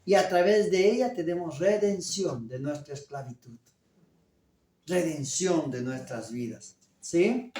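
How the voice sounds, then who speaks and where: A pastor delivers a sermon slowly and deliberately, with a voice that rises and falls a great deal. The preacher often stops to put questions to the congregation. The sound is roomy and echoey, picked up from some distance away in a church. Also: medium pitch, lively intonation, warm tone.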